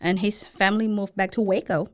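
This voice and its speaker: A woman from Thailand talks in a Thai accent, a restaurant owner chatting through an interview. Her English is halting and simple, with broken grammar, and her voice sits at a middle pitch. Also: fairly even intonation. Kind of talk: casual interview.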